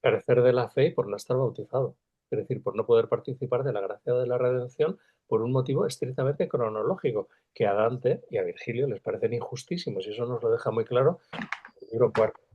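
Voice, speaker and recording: A man, a literature professor from Spain, lecturing over a video call and acting out the quoted lines with big jumps in pitch. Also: fairly quick, slightly rough, narrow, tinny audio. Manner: animated, acts out quoted dialogue with sudden pitch jumps.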